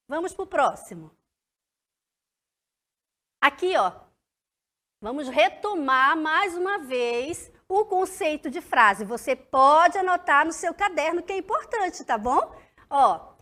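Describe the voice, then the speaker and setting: A woman primary school teacher, giving a recorded lesson to children in an animated, sing-song way and addressing them directly. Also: sits high.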